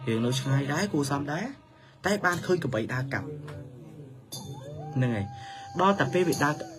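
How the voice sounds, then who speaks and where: A man telling a story for children in a lively manner, his pitch swinging up and down. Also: moderate pace. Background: music.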